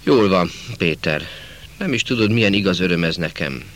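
A man voicing a kind, fatherly army officer and teacher who speaks gently and calmly. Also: low voice. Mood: gentle fatherly.

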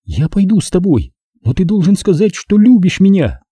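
A man voicing a wild, desperate young woman in wartime who pleads and screams insults in a shrill voice. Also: very animated, moderate pace, warm tone, slightly rough, no room sound. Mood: pleading.

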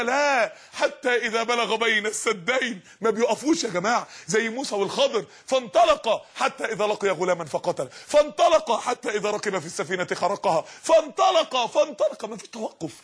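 A man preaching with an Egyptian accent, fervent and dramatic, rising to shouts and posing rhetorical questions. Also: extremely high pitch, lively intonation, quick pace, hardly any pauses, slightly rough. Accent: Egyptian Arabic. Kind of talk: impassioned sermon.

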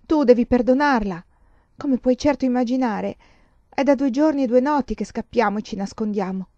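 Woman doing tired old peasant guy, slow and halting, mellow and dull-sounding. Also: very high-pitched, dry recording, pitched above the performer's own voice. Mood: pleading. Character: weary, steady peasant man. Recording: dull lo-fi recording.

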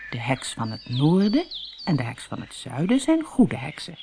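A woman voicing a kindly old witch in a storybook, speaking softly and gently. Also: deep voice, huge pitch swings, normal speed, gravelly, noisy background, full character voice. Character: kindly old good witch, small and stiff.

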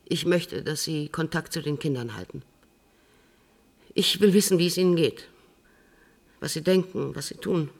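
An actress playing a composed, middle-aged woman held in custody, speaking in a measured, precise way in a radio drama. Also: low-pitched. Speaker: prisoner on remand giving an interview.

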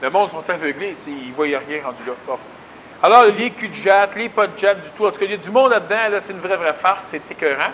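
A man's voice: sits high, quick pace, a bit bright, a little hiss or hum, rough recording. A man with a Québécois accent giving a folksy, emphatic conversational talk, often repeating words for stress. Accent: Québécois French. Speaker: spiritual lecturer. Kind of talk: conversational lecture.

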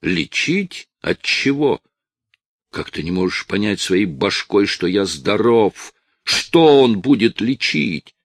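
A man voicing a desperate, tearful eighteen-year-old male addict who shouts and pleads with his father, in a dry, close recording. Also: lowish voice, sing-song, slow, no echo, exaggerated voice. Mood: agitated.

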